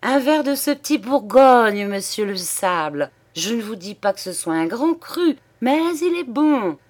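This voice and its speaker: A woman's voice: a little high, sing-song, measured pace, pitched above the performer's own voice. A woman reading an audiobook, voicing a jovial, blustering middle-aged clerk who plays the eager host. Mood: hearty. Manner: loud and hearty.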